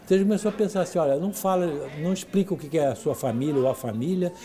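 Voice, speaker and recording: A theatre director, telling stories in an interview and acting out the voices of the people in them. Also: male voice, on the high side, racing. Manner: lively, acts out the voices of people in his stories, laughs mid-sentence. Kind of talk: storytelling in an interview.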